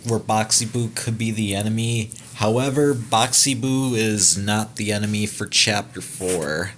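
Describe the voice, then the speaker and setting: A young man talks through a game trailer in an unhurried, somewhat low voice, stopping and restarting his sentences with lots of fillers. He swears offhandedly as he speculates. A faint hiss sits under the recording. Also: fairly bright tone. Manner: rambling, halting, full of fillers and restarts, swears casually. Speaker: gaming channel host. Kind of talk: casual trailer breakdown commentary.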